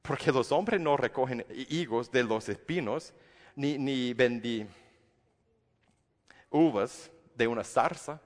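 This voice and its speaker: Conversational pastor preaching in a reverberant hall. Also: male voice, medium pitch, takes it slowly, long pauses. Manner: conversational, many restarts, acts out quoted voices. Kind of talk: sermon.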